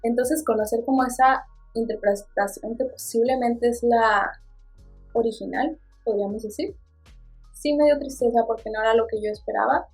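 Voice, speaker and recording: A woman with a Mexican accent talks through her recent reads in a relaxed, expressive vlog chat, tossing in playful asides. Her voice sits a touch high and has a soft, breathy, husky edge. Faint music plays quietly behind her. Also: normal speed. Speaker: book vlogger. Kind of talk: casual book review chat.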